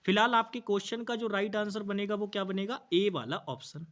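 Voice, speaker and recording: A young man teaching an exam-prep English grammar lesson, explaining patiently, asking students questions and reading example sentences slowly. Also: high-pitched, a bit bright. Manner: explains patiently, asks students questions, calls them bhai and bhaiya.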